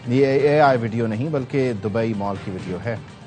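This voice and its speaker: A man reading scripted news headlines in an even, formal manner. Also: mid-range voice, moderate pace, over loud music. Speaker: news anchor.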